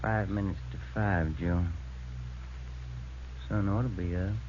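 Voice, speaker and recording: An actor playing a steady police detective partner in a 1940s radio drama, speaking quietly and matter-of-factly. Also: male voice, low voice, slow, slight background noise. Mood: weary. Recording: dull old radio broadcast.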